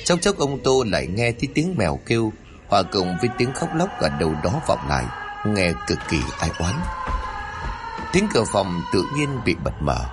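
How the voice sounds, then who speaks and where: A man's voice: fairly low pitch, big pitch swings, moderate pace, over music. A man narrating a horror story, reading in a dramatic, suspenseful way.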